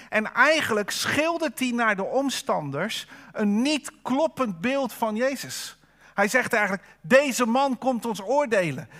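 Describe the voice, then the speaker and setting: A man's voice: sits high, fairly bright tone. A man preaching a sermon at a church service, in a conversational way, asking the congregation rhetorical questions.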